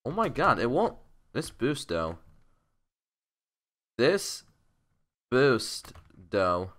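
A man's voice: medium pitch, big pitch swings, drawn-out words, a bit bright. A young man chatting casually and joking around while playing a game with a friend. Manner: joking, playful banter. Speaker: gaming channel co-host. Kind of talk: casual gameplay chat.

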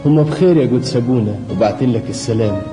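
Humble monk, male actor: Egyptian accent, very mellow mid-range voice, deferential, religious drama, faint music. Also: medium pitch, rapid-fire, natural voice. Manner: hesitant, deferential. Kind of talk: religious audio drama acting.

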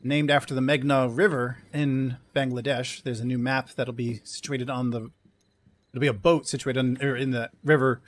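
A man casting a tactical shooter tournament as play-by-play commentator, excitable and quick to burst into loud exclamations. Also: mid-range voice. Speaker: esports caster.

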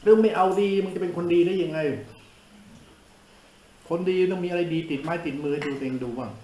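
A man's voice: fairly high pitch, fairly quick, mellow, echoey room, rough recording. An older man, a monk giving a blunt, informal sermon, coarse and scolding, who laughs at his own jokes.

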